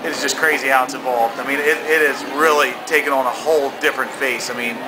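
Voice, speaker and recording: A man's voice: mid-range voice, steady tone, fast talker, background noise. A middle-aged American man talking casually in an interview, rambling and repeating himself with emphasis. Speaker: haunted attraction founder being interviewed.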